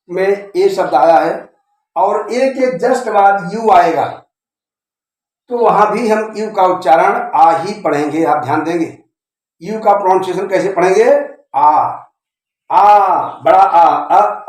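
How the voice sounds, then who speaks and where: A man teaching English pronunciation rules in a video lecture, repeating points and often checking that viewers follow. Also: sits high. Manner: repetitive, checks understanding often. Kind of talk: classroom-style video lecture. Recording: very echoey room.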